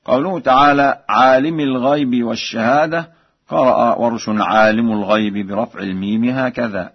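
A man explaining recitation variants in measured speech, then chanting the examples slowly and melodically, from an archival radio broadcast. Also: medium pitch, breathy edge, highs cut off. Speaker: Quran recitation teacher.

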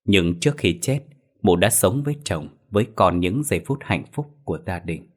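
Man, very deep voice, measured ominous ghost story narration. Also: animated.

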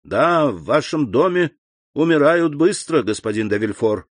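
A man voicing a grave middle-aged doctor who asks low, hushed, measured questions, in an audiobook reading. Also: lively intonation, no echo.

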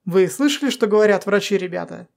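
Woman doing a stern cop, gravelly voice, audiobook. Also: mid-range voice, lively intonation, fast, darkish tone. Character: stern adult male policeman at a door.

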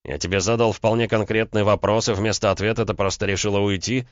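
A bitter, menacing young man, raised in pitch and loud, barking his words, as the reader voices him. Dry, slightly dull sound. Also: steady tone, fairly quick, clear, resonant tone, no echo, close to an everyday voice. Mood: demanding. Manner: barking, venomous.

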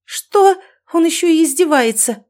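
A loud, bossy middle-aged mother storms through this audiobook scene, her voice pushed high and shrill. She scolds in a shouting rush and never settles down, all done by a woman narrator. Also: animated, moderate pace, close to an everyday voice. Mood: scolding. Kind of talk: audiobook character voice.

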